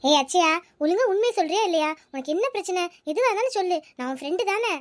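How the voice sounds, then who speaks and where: Woman voicing Isai, a fast-talking village schoolgirl. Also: very high voice, expressive, no echo, voice pushed up. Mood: concerned. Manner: coaxing, lecturing, reassuring. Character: caring, talkative village schoolgirl friend. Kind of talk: cartoon voice acting.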